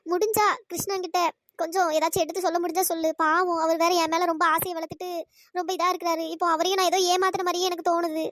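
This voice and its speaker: A woman doing a tearful, squeaky cartoon girl. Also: flat delivery, fast, a bit bright, dry recording, clean studio sound. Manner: sobbing, pleading. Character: tearful young woman leaving home. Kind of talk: cartoon storytelling.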